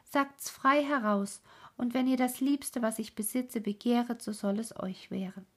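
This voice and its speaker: A woman's voice: fairly high pitch, steady tone, a little slow. A woman voicing a dignified, generous old king in a whispered role-play of a bedtime fairy tale. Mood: grateful. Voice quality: breathy whisper.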